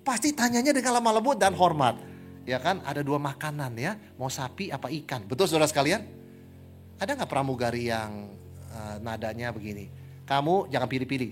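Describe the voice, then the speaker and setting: Animated pastor preaching over music. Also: male voice, mid-range voice, a little fast. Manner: animated, rhetorical questions, mixes in English phrases. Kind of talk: sermon.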